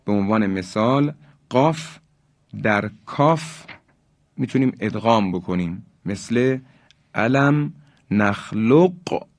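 A man teaching Quran recitation, explaining the rules in quick bursts and chanting each example slowly and drawn out. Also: lowish voice, dry recording, studio quality. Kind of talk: recorded tajweed lesson.

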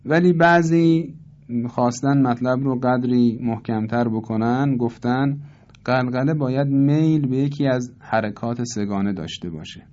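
A man teaching Quran recitation rules, explaining calmly and slowly demonstrating how words are pronounced. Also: medium pitch, muffled recording. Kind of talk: tajweed lesson.

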